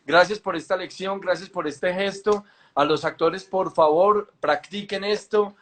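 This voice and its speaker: Male host, somewhat high-pitched, informal and halting, chatting with a guest. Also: fairly bright tone. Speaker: interviewer and host. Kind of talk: casual live chat interview.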